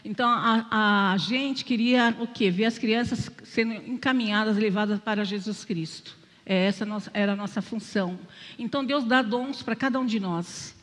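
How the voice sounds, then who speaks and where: A woman's voice: mid-range voice, normal speed, a bit bright, big-room sound. An older woman with a Brazilian accent gives a chatty, conversational church message, mixing personal stories and self-deprecating humor and often checking in with her listeners. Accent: Brazilian Portuguese. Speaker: lay speaker at church. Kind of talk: conversational sermon with personal testimony. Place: church sanctuary.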